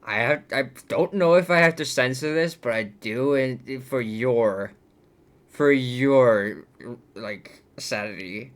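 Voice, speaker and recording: Slow, profane, exasperated male movie ranter. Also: medium pitch. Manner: profane, exasperated, with swings between outbursts and mutters. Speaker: movie reviewer. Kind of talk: ranting movie commentary.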